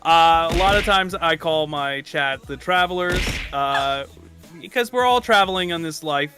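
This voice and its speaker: A man's voice: a little high, measured pace, over loud music. A man chatting as a streamer guest in a casual interview, rambling with lots of fillers, laughing and swearing.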